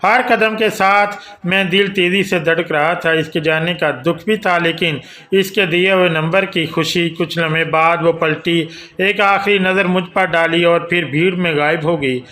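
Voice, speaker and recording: A man telling a romantic audio novel in the first person, in steady, scripted storytelling. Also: fairly high pitch. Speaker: narrator.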